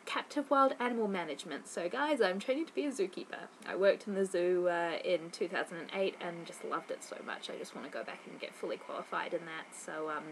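Sitting in her bedroom, a young woman with a New Zealand accent chats casually into a webcam at her desk, answering viewers' questions and rambling with frequent ums and restarts. She speaks briskly in a lowish voice with vocal fry and few pauses. The poor-quality audio has slight hiss or hum.

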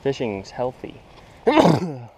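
Fishing at a pond amid tall grass, this young male vlogger keeps up a sarcastic, offhand monologue to himself, captured on a camera strapped to his head. His voice sits at medium pitch but swoops wildly, and it's unhurried, husky and somewhat dark.

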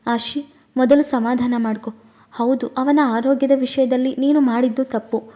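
A woman voicing a calm young woman friend who gently reasons and consoles in an audio story. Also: high voice, moderate pace, lightly acted. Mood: consoling.

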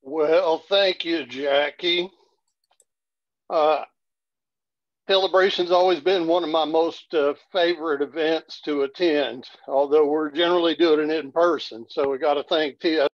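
Slow cowboy drawl, older storytelling man. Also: a little high, steady tone. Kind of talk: reciting humorous cowboy poetry to an online audience. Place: small curtained room at home, indoors. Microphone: video call, computer at arm's length. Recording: dull, echoey webcam audio.

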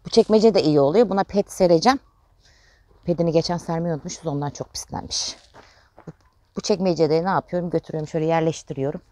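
Speaking fast in a low, dark-toned voice, a middle-aged Turkish vlogger mother chats casually through her home vlog. In the garden, she coos tenderly to her chickens.

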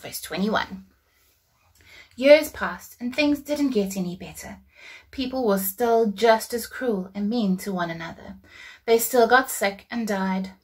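A young woman reading a children's storybook aloud to young listeners. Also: medium pitch. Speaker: story reader. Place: indoors in a plain room.

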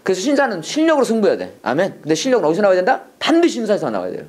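A man teaches an animated, preachy Bible-based English lesson, leading his class in call-and-response and mixing English with Korean. His voice sits high and he talks at a racing pace.

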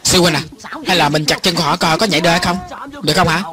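A man reading every part of a film as a voice-over, in an even and lightly acted way. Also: a little high, racing, a crowd in the background. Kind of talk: lector voice-over reading all parts.

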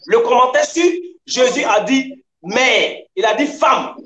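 High voiced guy arguing hard in a debate, keeps repeating himself, echoey. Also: lively intonation, a little slow, a bit bright. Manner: combative, emphatic, repeats his points. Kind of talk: heated debate. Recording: echoey room sound.

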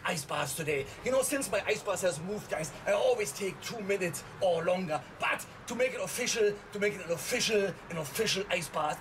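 A man's voice: high voice, a bit bright, slight background noise. A middle-aged man speaking while sitting in ice cold water, giving emphatic, repetitive motivational exhortations to the camera like a vlog host. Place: outdoor balcony, inside a tub of ice water.

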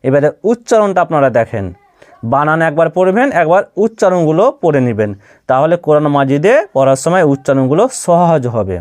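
একজন পুরুষ শিক্ষক ধীরে ধীরে অক্ষর ধরে ধরে আরবি উচ্চারণ শেখাচ্ছেন, প্রতিটি শব্দ তিনবার করে পুনরাবৃত্তি করছেন এবং দর্শকদের দ্বীনি ভাই বলে সম্বোধন করছেন।. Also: male voice, fairly high pitch, lively intonation, fairly quick, darkish tone. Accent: Bangladeshi Bengali. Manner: drills letter by letter, repeating each word three times; addresses viewers as religious brothers. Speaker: Quran reading teacher. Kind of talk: slow spelled-out recitation lesson.

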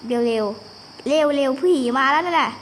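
A woman's voice: high voice, expressive, a little slow, fairly bright tone, a little hiss or hum. A young girl giving casual, chatty game commentary, often exclaiming and talking to her viewers. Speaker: gaming video host.

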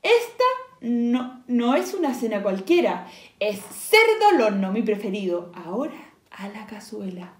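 A woman voicing a hungry, sly fox in a read-aloud storybook, slow and gloating. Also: mid-range voice, big pitch swings. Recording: echoey room.

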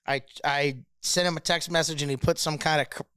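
A man chats about sports on a podcast in an easygoing, storytelling way. His voice is smooth and slightly high, recorded dry and close. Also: fairly even intonation, brisk, a bit bright, no room sound. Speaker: podcast co-host. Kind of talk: casual sports podcast chat.

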